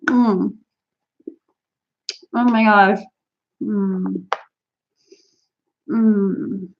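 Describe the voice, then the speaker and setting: A woman's voice: medium pitch, steady tone, extremely slow. A woman from Canada hosting a casual live-stream snack tasting, chatty and giggly as she talks to her viewers. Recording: slightly dull lo-fi stream audio.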